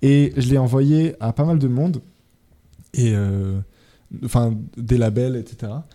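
A man's voice: mid-range voice, a little slow. A young man telling a radio host how he made a track, full of hesitations and fillers. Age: young adult. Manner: hesitant, many fillers, lively storytelling. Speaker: music producer guest. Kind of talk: casual radio interview.

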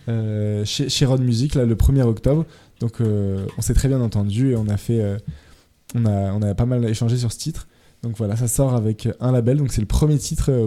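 A young man telling a radio host how he made a track, full of hesitations and fillers. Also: mid-range voice. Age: young adult. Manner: hesitant, many fillers, lively storytelling. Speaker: music producer guest. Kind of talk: casual radio interview.

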